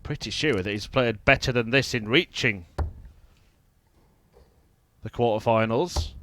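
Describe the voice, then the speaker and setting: Male darts commentator, measured and mid-pitched. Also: fairly bright tone. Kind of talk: live sports commentary.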